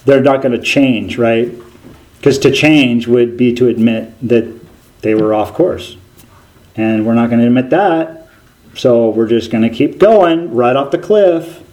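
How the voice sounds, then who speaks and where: A man preaching a sermon, telling a story in an animated way and often restarting his sentences. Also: medium pitch, measured pace, rough recording.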